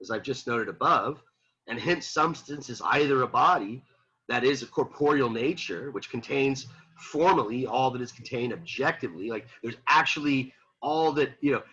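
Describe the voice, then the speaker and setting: Male philosophy lecturer, bright forceful husky voice, animated and repetitive, dull lo-fi classroom audio. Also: mid-range voice. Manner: animated, repeats himself, rhetorical questions to students. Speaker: philosophy teacher. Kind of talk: classroom lecture reading and explaining a text.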